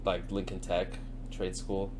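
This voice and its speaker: A man's voice: deep voice, completely flat delivery, a little slow, a crowd in the background. A young man co-hosting a podcast, telling work stories in casual, profane chat and laughing often. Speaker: podcast co-host.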